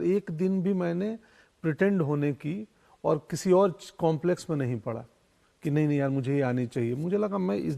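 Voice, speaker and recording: Gravelly, reflective middle-aged man. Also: fairly high pitch, dark tone. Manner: musing, philosophical, storytelling. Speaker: actor, interview guest. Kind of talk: reflective interview conversation in Hindi mixed with English.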